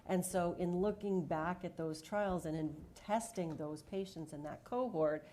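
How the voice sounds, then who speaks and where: A woman's voice: fairly low pitch, measured pace, warm tone. A woman speaking on a conference panel as a diagnostics leader, telling her story earnestly with frequent fillers.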